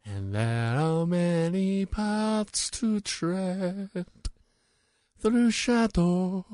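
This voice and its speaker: A man putting on the voice of a young male hobbit, slowly crooning a mournful song as a comic impression. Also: mid-range voice, very animated, fairly bright tone, no echo. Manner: slow, drawn-out crooning.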